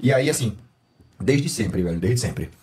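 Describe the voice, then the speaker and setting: A man with a Brazilian Portuguese accent, co-hosting a podcast and telling family stories in a casual, animated way, laughing often and mimicking his daughter. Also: on the low side, a little slow, breathy edge. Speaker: podcast co-host. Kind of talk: casual chat.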